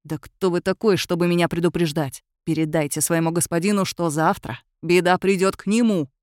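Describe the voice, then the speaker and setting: A woman voicing an agitated man, a proud state official, who shouts indignantly. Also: fairly low pitch, fairly even intonation, brisk, no echo, studio quality, lightly acted. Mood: threatening.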